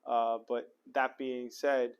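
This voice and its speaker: A man's voice: mid-range voice, little pitch movement, takes it slowly, clear, resonant tone, lo-fi sound. A middle-aged man hosting a podcast from an office, chatty and upbeat, with lots of fillers and restarts. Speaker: podcast host. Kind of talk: casual interview chat. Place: office in the city.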